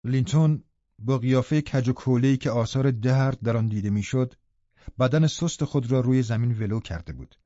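Male audiobook narrator, measured literary reading, dry close sound. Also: medium pitch, no room sound. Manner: measured, even storytelling. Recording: dull lo-fi recording.

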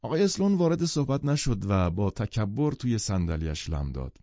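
Brief: male narrator, low and mellow, with a lively, wide-ranging delivery, recorded in a dull, dry lo-fi sound. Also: no room sound. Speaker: audiobook narrator. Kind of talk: scripted narration.

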